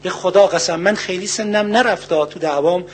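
An older man giving a religious sermon, earnest and full of rhetorical questions, slowly reciting Arabic verses. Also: high-pitched, slight background noise. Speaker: cleric.

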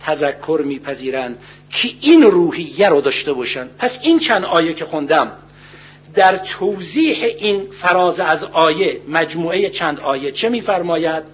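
An older man giving a religious sermon, earnest and full of rhetorical questions, slowly reciting Arabic verses. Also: a little high, expressive, breathy edge. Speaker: cleric.

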